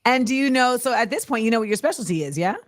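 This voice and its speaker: A woman's voice: a little high, expressive, very fast, no room sound. A woman hosting a podcast in a small studio, speaking into a studio mic. She chats casually with her guest and jokes with him. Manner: playful and joking. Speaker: podcast host. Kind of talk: casual interview. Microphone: studio mic on a boom arm.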